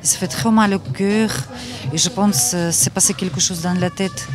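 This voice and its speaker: A woman's voice: on the low side, steady tone, normal speed, crowd noise. A woman in her forties from Ukraine, speaking with a Ukrainian accent, earnestly searching for words in an outdoor interview at dusk. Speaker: volunteer organizer. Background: music.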